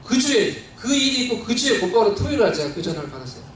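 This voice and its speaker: High-voiced male pastor in an echoey church. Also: big pitch swings, fast, a bit bright, slight background noise. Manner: conversational, heartfelt storytelling with many fillers. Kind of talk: storytelling sermon. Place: church sanctuary. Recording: very echoey church hall, mic at a distance.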